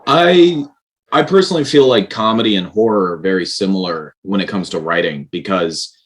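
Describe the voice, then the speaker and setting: A man with a very low voice talks as a guest in a casual interview. He explains his writing earnestly and at length, often restarting his sentences. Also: moderate pace, poor audio. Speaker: writer and director, guest.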